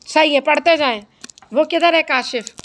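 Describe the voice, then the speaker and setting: A woman's voice: sits high, normal speed, a bit bright. A woman teacher, patiently spelling out words for children in a reading lesson.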